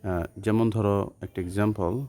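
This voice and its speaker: A man from Bangladesh teaching English pronunciation to students, speaking slowly and carefully with hesitations. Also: on the low side, fairly even intonation, dark tone. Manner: slow, careful, with hesitations and demonstrated example words. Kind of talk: spoken lesson to students.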